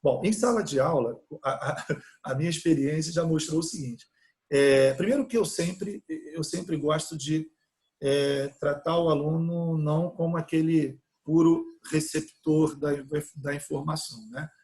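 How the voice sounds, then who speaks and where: A man's voice: on the high side, a little slow, a little mellow. A middle-aged Brazilian man from Brazil teaching a music education course, explaining step by step with frequent fillers and restarts. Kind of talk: online mini-course lecture.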